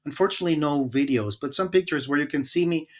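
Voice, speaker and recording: A man from Germany, a guest musician, telling his story in a relaxed, hesitant way with many fillers. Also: on the high side, fast talker. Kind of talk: casual interview storytelling.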